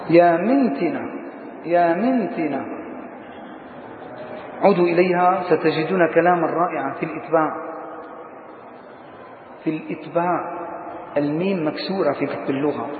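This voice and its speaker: A man's voice: a little high, fairly quick, pauses often, a little hiss or hum. A man teaching a grammar lesson as a sheikh, asking his students questions and then answering them himself. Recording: tinny lo-fi echoey hall recording.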